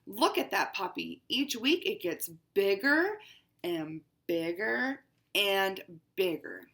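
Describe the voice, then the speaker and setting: A heavily acted storybook reading: a woman voices a fussy, pampered, haughty house cat with dramatic exclamations. Her mid-range, slightly bright voice moves slowly and swings broadly in pitch, narrating in a female-ish manner.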